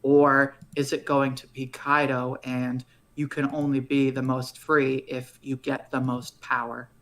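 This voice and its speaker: Male stream host, middle pitch, thoughtful and easygoing, chats with his guest. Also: flat delivery, a little slow, fairly bright tone. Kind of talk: casual anime theory chat.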